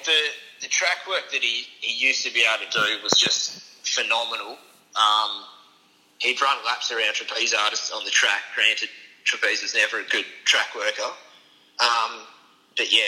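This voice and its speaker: A man's voice: fairly low pitch, fairly even intonation, moderate pace, pushed and bright, low-quality recording. An Australian man giving casual, understated interview answers as a racehorse strapper, in an informal, laid-back way.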